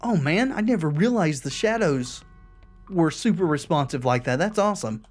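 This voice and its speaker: A woman's voice: deep voice, darkish tone. A woman playing a video game, reading its text aloud and adding casual commentary of her own. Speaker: video game player and narrator.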